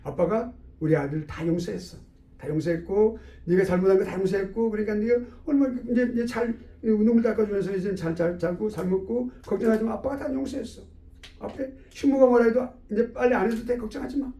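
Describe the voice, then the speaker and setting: A man voicing a loving father who comforts his son in soft, hushed words, in an echoey room away from the mic. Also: high-pitched, brisk. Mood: soothing.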